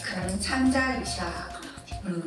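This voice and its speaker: A woman's voice: medium pitch, a little slow, very echoey, recorded from a distance, over music. A woman making informal remarks at a meeting, thinking aloud.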